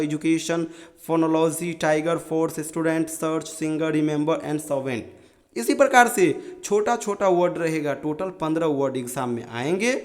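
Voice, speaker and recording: A young man teaching students about an exam's marking pattern, calling them friends and reading out lists of terms slowly. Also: on the high side. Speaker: exam-prep teacher. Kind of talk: explaining an exam pattern to students.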